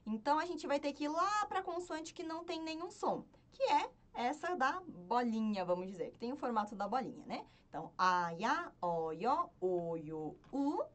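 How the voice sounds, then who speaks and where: Female language teacher, animated and high-pitched, chants syllable drills patiently. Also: a little fast, few pauses. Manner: patient, repeats and checks with "certo?". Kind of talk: spoken lesson, chanting syllables.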